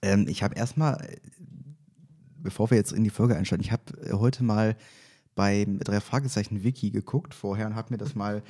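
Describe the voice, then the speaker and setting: A man hosts a casual fan podcast with a lowish, soft-toned voice that is slightly husky. He speaks informally and hesitantly, rambling through his thoughts. The space around him echoes like a hallway. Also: fairly even intonation, moderate pace. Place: echoey space outside the studio.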